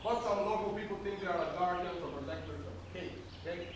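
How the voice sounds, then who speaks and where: High-voiced guide with heavy cave echo. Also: male voice, fast talker. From Puerto Rico. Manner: ends points with a checking "okay?". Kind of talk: guided tour talk. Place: inside a limestone cave. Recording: booming cave echo from a distance, noisy.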